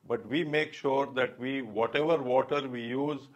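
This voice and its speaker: A man's voice: medium pitch, steady tone, moderate pace. An older man with an Indian English accent, formally introducing a plumbing lesson series in an earnest tone. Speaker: association official introducing the series. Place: studio, indoors.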